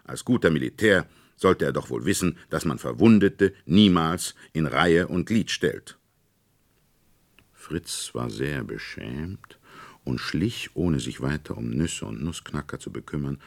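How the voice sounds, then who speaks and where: A man reading a classic fairy tale aloud in a measured, expressive storytelling manner. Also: a bass voice, gravelly. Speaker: narrator.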